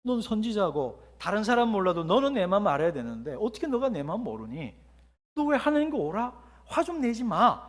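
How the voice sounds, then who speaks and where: A man's voice: high-pitched, very animated, a little fast. A man voicing God as grieved and pleading, speaking tenderly to a sulking prophet in an earnest, coaxing way. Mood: hurt, pleading. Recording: long church reverb.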